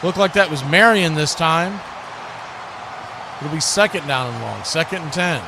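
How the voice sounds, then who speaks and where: An American sports commentator calls live football play-by-play in short, clipped phrases, repeating words as the action unfolds. His voice is fairly high and creaky at a moderate pace, and the live stream is noisy with background sound.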